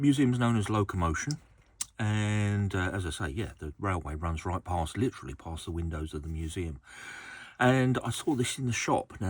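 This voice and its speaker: A man speaks in a notably low voice with an Essex accent. He presents in a casual, chatty unboxing style, pausing and thinking aloud as he goes. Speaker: host of a model railway channel.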